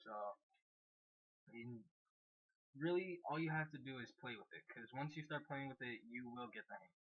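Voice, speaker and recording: A man teaching beatboxing basics in a relaxed, casual way, with fillers and small jokes. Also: medium pitch, normal speed, slightly rough, narrow, tinny audio. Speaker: beatbox tutor. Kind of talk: casual how-to demonstration.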